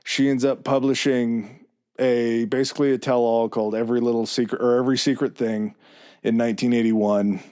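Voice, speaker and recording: A man hosting a podcast, telling a story in a relaxed, chatty way with fillers and asides. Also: mid-range voice, fairly quick. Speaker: podcast host. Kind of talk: casual chat.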